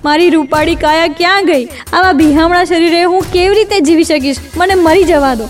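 A woman's voice: sits high, moderate pace, a little mellow, natural voice. A woman reading the lines of a stricken young queen, wailing and despairing. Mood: anguished. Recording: distant mic, faint music.

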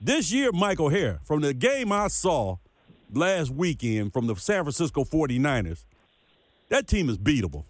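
A man's voice: fairly high pitch, wildly swooping pitch, normal speed, no room sound. A man co-hosting a casual sports podcast, talking football in an emphatic way and repeating points for effect. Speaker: podcast co-host.

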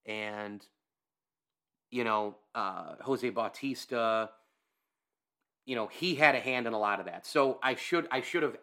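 A man's voice: mid-range voice, pushed and bright. A man hosting a sports podcast, giving casual solo commentary in a conversational way, repeating phrases and checking in with the listener. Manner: conversational, repeats phrases, asks "right?" for emphasis.

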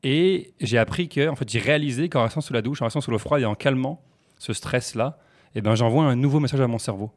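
A man, a podcast guest, telling stories in casual chat, animated and jokey, often restarting his sentences. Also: medium pitch. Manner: fast, animated, jokey storytelling with repeated restarts.

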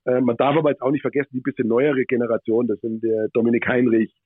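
A man's voice: mid-range voice, flat delivery, fast, breathy edge, dry recording. A man from Bavaria, a former hockey manager, answering podcast questions at length, hesitant and full of fillers and restarts, heard over a muffled phone-like line.

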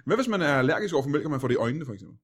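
A man's voice: fairly high pitch, very animated, husky. A man hosting a comedy podcast, asking dry, probing follow-up questions. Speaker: podcast host. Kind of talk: comedic interview.

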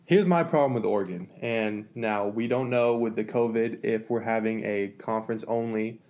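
A man co-hosting a casual sports talk show, analytical and relaxed, with many fillers and restarts. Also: on the low side, normal speed, phone-quality sound. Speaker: sports podcast co-host.

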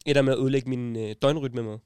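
A man's voice: medium pitch, steady tone, darkish tone, clean tone, no echo. A young man hosting a casual podcast chat, teasing his friends and mixing English slang into his talk. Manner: teasing, laughs often, mixes English slang. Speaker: podcast host.

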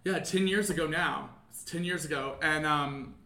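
A man's voice: fairly high pitch, normal speed, bright, forceful tone, roomy sound. A man in his thirties from Kentucky, a podcast guest chatting casually and rambling with lots of fillers. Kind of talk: casual chat.

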